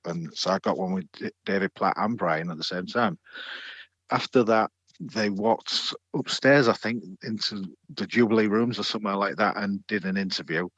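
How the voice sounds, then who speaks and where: A man's voice: fairly low pitch, moderate pace, fairly bright tone, dry recording, dull audio. A middle-aged man telling a personal story as a podcast guest, chatty and hesitant, with many fillers and restarts. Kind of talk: storytelling in a casual interview.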